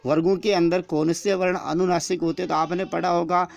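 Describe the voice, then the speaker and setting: A man's voice: high-pitched, level tone, fairly quick, creaky. A man teaching an exam-prep grammar lesson, explaining step by step and repeating each answer after asking the question himself.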